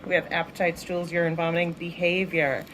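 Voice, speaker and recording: Woman, patient instructor, soft voice, echoey, distant mic. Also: little pitch movement, fairly quick. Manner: soft and patient, high sing-song baby talk to cats. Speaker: shelter volunteer trainer. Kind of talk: instructional walkthrough. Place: animal shelter cat room. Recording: echoey room, voice from a distance, audible background noise.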